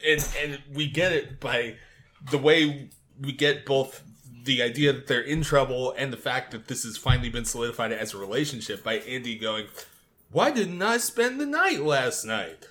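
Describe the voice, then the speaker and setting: A man with a bright, forceful voice chatting through a TV episode recap with a co-host. He talks in a loose, animated way, laughs easily and swears casually. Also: mid-range voice, moderate pace. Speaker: podcast co-host.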